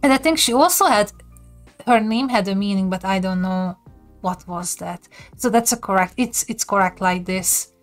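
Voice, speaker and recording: A woman's voice: medium pitch, normal speed, soft background music. A woman streamer chatting casually and laughing as she reacts to a video. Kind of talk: casual live-stream chat.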